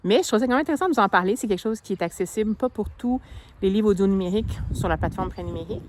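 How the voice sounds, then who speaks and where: A woman's voice: medium pitch, animated, very fast. A young woman with a Québécois French accent, chatting casually in a book vlog, explaining things at length into a handheld phone. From Quebec. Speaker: book vlogger.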